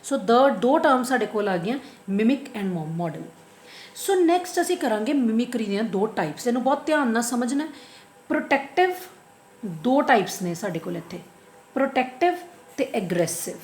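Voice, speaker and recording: A woman's voice: fairly high pitch, very animated, normal speed, a little mellow, slight background noise. A woman with a Punjabi accent giving a biology lesson in a slightly raised voice. She poses questions and answers them herself, going back over each term. The room around her is echoey. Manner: asks and answers her own questions, repeats key terms. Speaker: biology teacher. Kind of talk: online lecture.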